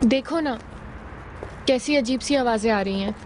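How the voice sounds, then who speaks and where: A woman's voice: fairly high pitch, a little slow, a little mellow, slight background noise, close to an everyday voice. A woman voicing a shaken young woman. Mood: anxious. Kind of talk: dubbed TV drama. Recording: music under the dialogue.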